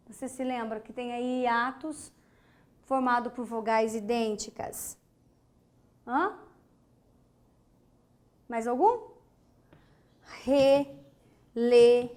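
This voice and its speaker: A woman from Brazil teaching an online grammar lesson, speaking emphatically, asking questions and answering them herself, and spelling words out syllable by syllable. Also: on the high side. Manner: slow, emphatic, asks and answers her own questions.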